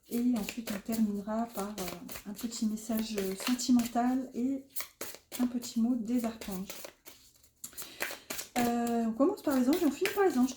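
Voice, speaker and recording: A woman from northern France, speaking with a northern French accent, gives a casual, rambling, hesitant tarot card reading packed with fillers. Her voice is fairly high and warm, in an echoey room with slight background noise.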